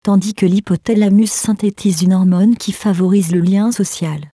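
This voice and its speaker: A calm female AI assistant, played by a woman, talks in a slightly robotic, synthetic-sounding voice. She explains things in a polite, measured way, in a mid-pitched and mellow tone. The sound is dry and close. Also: no echo, close to an everyday voice. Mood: informative.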